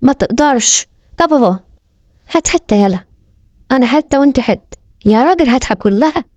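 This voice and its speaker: A woman with an Egyptian accent gives animals funny voices, her tone high and her talk quick and playful. Her voice sits on the mellow side, recorded dry and close. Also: animated, dry recording, dull audio. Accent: Egyptian Arabic. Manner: playful, bantering. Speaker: comic voice-over dubber. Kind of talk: comic animal voice-over.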